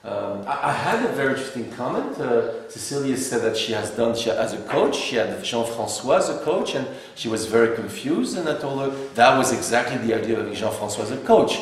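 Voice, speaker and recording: A man's voice: medium pitch, sing-song, fairly quick, few pauses. A man from Algeria leading a philosophy workshop, lecturing a group in a wry, teasing way. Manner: teasing, wry, laughs between remarks. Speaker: philosophy seminar leader. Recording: echoey room, from far off, faint hiss.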